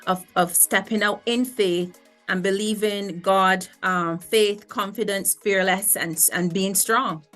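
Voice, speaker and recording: A woman's voice: medium pitch, fairly even intonation, slow, a bit bright, faint music behind. A woman, a singer and vocal coach, speaking earnestly as an interview guest, often restarting her sentences. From Barbados. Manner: earnest, reflective, with frequent restarts. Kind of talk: interview conversation.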